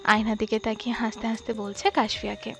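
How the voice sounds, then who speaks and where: A woman narrating a romantic audio story in a soft, steady storytelling voice. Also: a little high, fast, faint music behind. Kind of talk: scripted narration.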